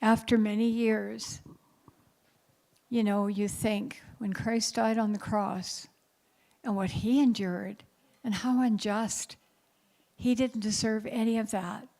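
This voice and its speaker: A woman's voice: on the high side, fairly even intonation, slow, long pauses, dark tone. A woman in her seventies giving an earnest, exhorting faith talk to a conference audience. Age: 70s. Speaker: conference speaker. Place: conference breakout room.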